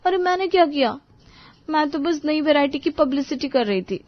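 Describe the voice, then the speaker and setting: A woman's voice: high-pitched, moderate pace, dry recording. A woman voicing a chatty, boastful young wife in a cartoon who dreams big. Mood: pleading. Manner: excited, boastful. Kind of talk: cartoon voice acting. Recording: dull dry studio voice-over.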